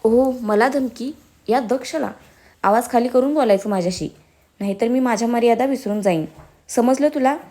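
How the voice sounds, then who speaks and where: A hot-tempered young husband in an audio story, sneering at his wife with low threats and mocking remarks, as a woman narrator puts him on. The voice stays fairly high throughout. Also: moderate pace, dark tone, natural voice. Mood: menacing.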